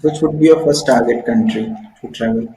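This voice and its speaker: A man's voice: mid-range voice, a little fast, mellow. A man with an Indian accent acting as a job interviewer, asking probing questions and explaining them with examples. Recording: echoey room with faint noise.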